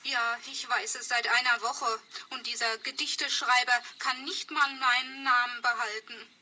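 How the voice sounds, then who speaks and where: An actress playing the poet's scorned young girlfriend, sharp and indignant. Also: on the high side, fairly even intonation, measured pace, a little hiss or hum, rough recording. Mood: sulky. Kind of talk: radio play for language learners.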